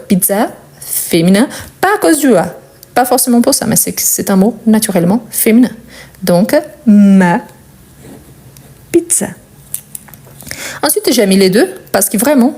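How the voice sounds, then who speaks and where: A woman's voice: medium pitch, a little mellow. A young woman teaching French grammar, with Portuguese as her first language, explaining step by step and repeating key words. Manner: patient, explains step by step with pauses and repetition. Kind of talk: grammar lesson.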